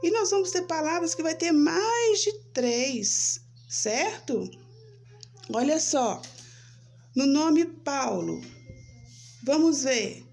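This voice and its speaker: A Brazilian woman teaching young children, speaking slowly and sounding out syllables, checking in with "né?" and "certo?". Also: sits high, expressive, gravelly, a little mellow. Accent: Brazilian Portuguese. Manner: slow, spelling out syllables, frequent "né?" and "certo?". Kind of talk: children's lesson, slow and sing-song.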